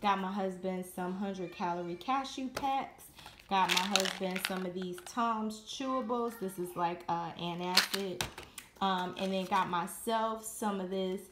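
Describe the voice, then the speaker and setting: A woman talks her way through a grocery haul at home, chatty and relaxed, pausing on fillers. Her voice bounces around a roomy kitchen. A steady hiss of noise sits under it. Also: mid-range voice. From Detroit, Michigan. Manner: chatty, listing items with fillers. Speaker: vlogger. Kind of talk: casual grocery haul narration.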